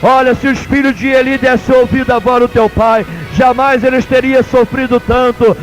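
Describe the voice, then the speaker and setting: A man with a Brazilian Portuguese accent preaching a sermon as pastor, in a sing-song cadence that swells into shouts. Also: extremely high pitch, level tone, moderate pace, faint music behind, low-quality recording.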